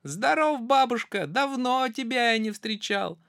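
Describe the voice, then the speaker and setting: A storyteller putting on a tiny, clever, boastful mouse with a squeaky, singsong voice. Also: lively intonation, unhurried, a bit bright, smooth, no echo, clean studio sound. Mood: cheeky. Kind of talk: storybook reading.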